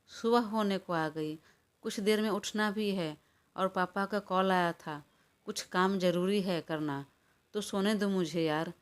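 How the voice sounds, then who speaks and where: A woman's voice: medium pitch, measured pace, smooth, close to an everyday voice. A woman voicing a tired, irritated young man who pleads to be left alone, in a storybook reading. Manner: weary, pleading.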